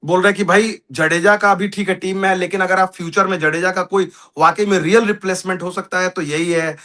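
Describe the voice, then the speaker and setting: A man with an Indian accent co-hosting a cricket chat in an animated, bantering way. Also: sits high, brisk. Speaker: cricket show co-host.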